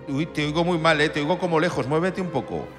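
A man's voice: on the high side, fast talker, music in the background. A man playing God as a casual, offhand figure, heard from far away over a patchy connection that keeps breaking up. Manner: offhand, impatient, colloquial. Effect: distant voice over a patchy, breaking-up connection. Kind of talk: comedy sketch acting.

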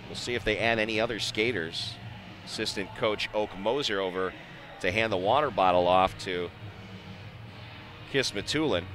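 This is live ice hockey commentary from an American man speaking at normal speed with frequent pauses. His fairly low voice has a fairly bright tone, and he talks conversationally in short, clipped phrases. Clear background noise fills the live arena broadcast.

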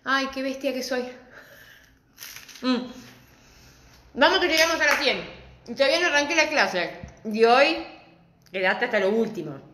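A middle-aged woman with an Argentine accent, teaching a live-stream craft class and greeting viewers warmly and chattily. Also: high-pitched, animated, moderate pace, long pauses, a little hiss or hum. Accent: Argentine Spanish. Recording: echoey room.

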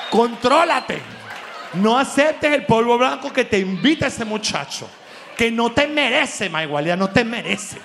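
Venezuelan guy doing standup, high voice, lively and laughing, long hall reverb with a little hiss. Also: gravelly. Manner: animated, laughing, acts out quoted voices. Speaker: comedy show host. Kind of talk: stand-up comedy monologue.

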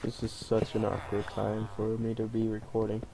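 A man's voice: fairly low pitch, completely flat delivery, moderate pace, gravelly. A man hosting a gameplay video at home, chatting casually and rambling as he plays. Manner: rambling, hums to himself. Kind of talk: casual game commentary. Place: family home. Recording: noisy home recording.

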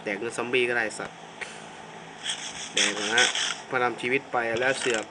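A man's voice: mid-range voice, fairly even intonation, normal speed, very noisy. A young man casually commentating a phone game at home, crude and joking, talking to himself and his viewers, speaking away from the mic. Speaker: mobile game streamer. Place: home game-casting room.

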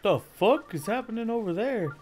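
A man streaming a game live, reacting loudly, swearing often and mocking himself as he plays. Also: sits high, normal speed, faint music behind. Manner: excitable, swears a lot, mocks himself. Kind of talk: live gameplay commentary.

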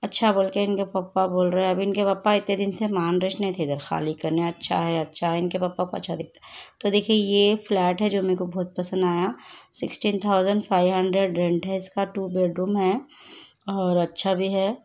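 A woman talks casually to her vlog audience. She retells arguments with quoted lines, and her voice stays flat and even. The recording sounds a little dull and lo-fi. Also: fairly low pitch, normal speed. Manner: worried, complaining tone. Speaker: family vlogger.

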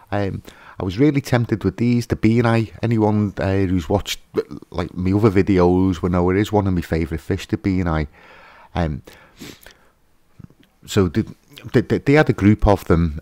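A man's voice: low-pitched, a little mellow, no echo. A man hosting a fishkeeping channel, giving a casual, hesitant voice-over with lots of fillers and restarts.

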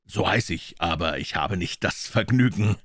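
A cool-headed, sharp detective, read by a man who answers with polite calm. His voice is deep and even. It is recorded dry and close. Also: normal speed, breathy edge, no room sound, full character voice. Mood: unruffled.

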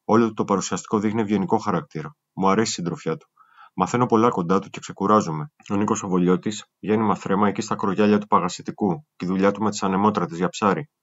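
A man reading a first-person memoir aloud in a steady, grave storytelling manner. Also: lowish voice. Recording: muffled lo-fi recording.

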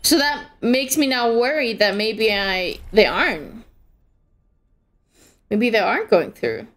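A woman's voice: a little high, animated, slow, a bit bright. A young woman streaming a game, chatting casually and giggling as she reacts to the match and her chat.

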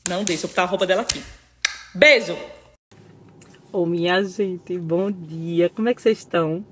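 Chatting casually to her followers, a vlogger from Northeast Brazil speaks with a Northeastern Brazilian Portuguese accent, emotional and talkative, often turning to address viewers directly in this phone-recorded home vlog. Her voice is lowish and a bit bright, at a moderate pace, with slight background noise.

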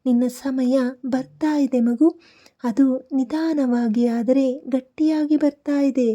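A woman narrating a soft devotional night-time message, speaking gently and soothingly and addressing the listener tenderly as a child. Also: high-pitched, fairly even intonation, slow pace, highs cut off.

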